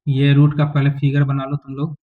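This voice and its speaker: In this biology lecture, a man with a mid-range, monotone voice speaks at normal speed while breaking diagrams down step by step. He checks in with his students often, using "ठीक है" and "समझ में आ गया?". The audio is a tinny, phone-like lo-fi recording.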